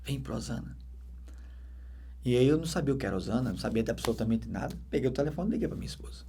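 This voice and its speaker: A man with a Brazilian Portuguese accent, a deacon giving a dramatic conversion testimony that swings between loud emphatic bursts and hushed soft passages. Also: mid-range voice, animated, rapid-fire, slight background noise.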